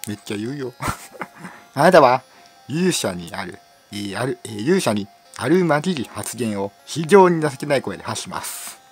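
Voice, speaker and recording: A hoarse man with a lilt chats through a game, reading out its text and stumbling over words as he giggles. His pitch sits in an ordinary middle range, with soft game music faint underneath. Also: sing-song, moderate pace. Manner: giggles often, reads dialogue with stumbles and asides. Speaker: game streamer. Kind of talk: playful let's-play commentary reading game text aloud.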